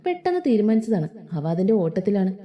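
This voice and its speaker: A woman's voice: medium pitch, big pitch swings, quick pace, natural voice. A woman reading the lines of a kindly mother of grown sons, speaking affectionately on the phone. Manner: warm, affectionate phone talk.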